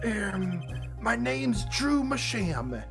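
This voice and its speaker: A man voicing a timid, hesitant old painter from a video game, with a halting, drawn-out delivery. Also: high-pitched, big pitch swings, creaky, music in the background, voice pushed up, heavily acted. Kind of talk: reading video game dialogue aloud.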